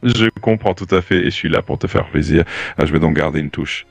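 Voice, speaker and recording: AI assistant voice, male, calm, evasive, husky, very low. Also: a little fast, no echo, faint music behind. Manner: calm, overly polite, evasive, with hesitant "euh". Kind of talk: polite assistant replies.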